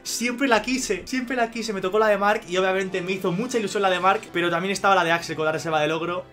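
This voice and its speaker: A young man from Spain with a Spanish accent, excitedly unboxing on a video, exclaiming and swearing as he goes. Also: high voice, very fast, soft background music. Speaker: YouTuber.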